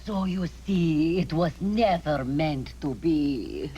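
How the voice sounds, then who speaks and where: An actress playing a bossy, theatrical fortune teller with commanding, mystical certainty in a comedy sketch. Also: female voice, low voice, expressive, takes it slowly, warm tone, lo-fi sound, slight background noise. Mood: brisk, certain. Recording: music behind the voice.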